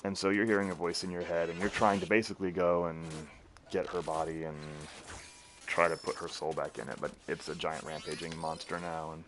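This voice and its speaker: A man's voice: low-pitched, level tone, a little fast, background noise. A man streaming a video game, casually rambling and laughing as he explains it. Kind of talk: casual gameplay commentary.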